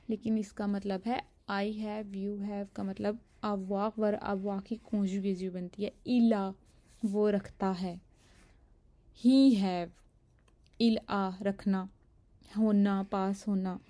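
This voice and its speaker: A woman's voice: mid-range voice, little pitch movement, slow pace, warm tone. A woman teaching a language lesson, explaining pronunciation patiently and step by step.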